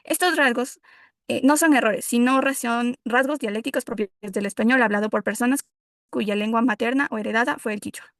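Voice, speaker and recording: A woman's voice: on the high side, a little fast, a bit bright, no echo, studio quality. A woman from Ecuador giving a class presentation, explaining with examples and a few restarts. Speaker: student presenter.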